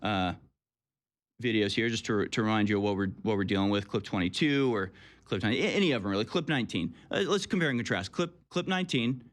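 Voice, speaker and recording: A man's voice: on the low side, lively intonation, fast talker. A man hosting a call-in talk show, delivering sarcastic, mocking political commentary.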